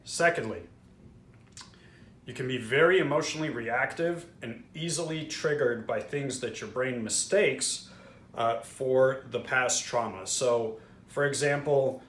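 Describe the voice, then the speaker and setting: A man's voice: mid-range voice, measured pace, a bit bright. A man from Israel, host of a trauma-healing channel, candidly explaining with frequent fillers and restarts. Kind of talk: earnest explanatory talk to camera. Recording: roomy echo with faint background noise.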